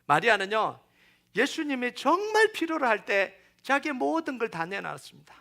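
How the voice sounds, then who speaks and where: A middle-aged man preaching a sermon as pastor, animated, acting out quoted voices and sinking to near-whispers. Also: extremely high pitch, moderate pace, creaky.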